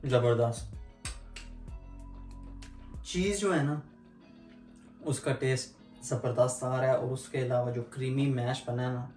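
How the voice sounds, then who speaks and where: A man's voice: medium pitch, steady tone, slow pace, pauses often, darkish tone. A man hosting a home cooking video, chatting casually and explaining each step to viewers. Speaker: cooking vlog host. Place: home kitchen. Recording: echoey room with background music.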